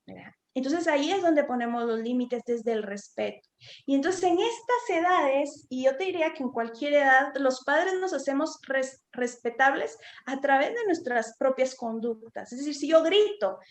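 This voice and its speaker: Woman, high voice, informal parenting lecture, tag questions, echoey room, video call. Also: animated, normal speed. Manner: warm, conversational, frequent tag questions. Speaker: psychotherapist giving a conference talk.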